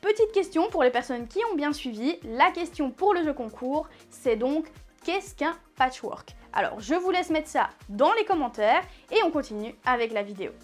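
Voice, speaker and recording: A woman's voice: sits high, lively intonation, normal speed, faint music behind. A woman gives a casual sewing tutorial, chatty and full of fillers and self-corrections. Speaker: sewing teacher.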